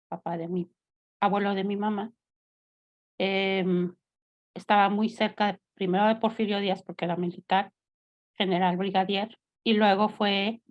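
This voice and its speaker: A woman's voice: mid-range voice, highs cut off. A Mexican woman hosting a talk show, chatting casually and rambling with many fillers and asides. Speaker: host.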